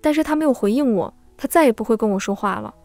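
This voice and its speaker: Bright-voiced woman reading a sad story. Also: a little high, expressive, quick pace, dry recording. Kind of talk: scripted first-person story narration. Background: faint background music.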